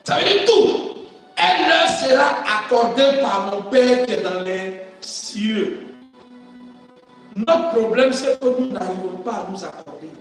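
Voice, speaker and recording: A man preaching a sermon, fervent and swinging between shouting and quiet, calling to the congregation for responses. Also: extremely high pitch. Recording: echoey hall from far off, music.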